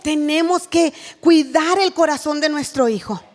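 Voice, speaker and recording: A woman's voice: sits high, unhurried, long reverb tail. A woman giving an earnest sermon at a women's church retreat, acting out what a mother says to her child.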